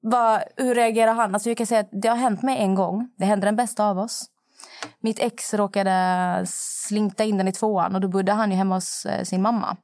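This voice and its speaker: A woman's voice: medium pitch, steady tone, a little mellow. A woman co-hosting a podcast studio chat, telling a story animatedly and swearing casually. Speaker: podcast co-host.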